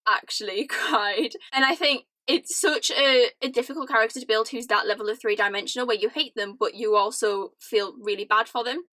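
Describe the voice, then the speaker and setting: A young British woman ranting casually to camera, animated and laughing often, with lots of "like". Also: a little high, dry recording. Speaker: vlogger. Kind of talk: casual chatty rant to camera.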